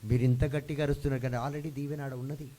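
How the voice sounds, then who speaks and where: A man's voice: mid-range voice, level tone, quick pace, warm tone. A man preaching a sermon, dropping English phrases into his talk and calling out for responses from the congregation. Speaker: pastor. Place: church hall.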